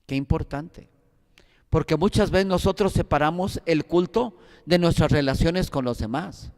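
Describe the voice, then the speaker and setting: Sacerdote mexicano dando clase bíblica, voz algo aguda y rasposa, tono exhortativo, sala con eco largo. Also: male voice, fairly high pitch, measured pace, a little mellow, in a large hall. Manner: earnest, exhortative, anecdotal. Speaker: priest teaching a Bible course. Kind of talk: Bible class lecture.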